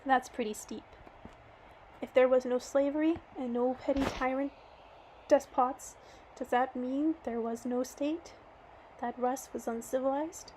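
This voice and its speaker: A woman reading a book aloud in an earnest, measured way, a little hoarse as she is losing her voice, with occasional restarts. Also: high-pitched, darkish tone, slight background noise, poor audio. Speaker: audiobook reader.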